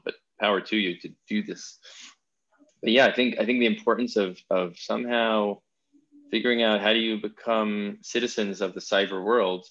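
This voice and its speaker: A man's voice: sits low, vocal fry, bright, forceful tone, muffled recording. A man hosting a podcast interview, talking in an enthusiastic, thoughtful way with frequent restarts. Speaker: podcast host. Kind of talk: casual interview chat.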